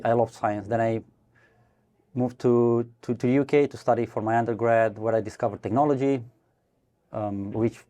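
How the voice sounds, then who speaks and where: A startup co-founder from Romania gives casual interview answers as a guest in a brewery podcast studio. His voice is on the low side and warm, and he sounds hesitant, with many fillers and restarts, laughing easily.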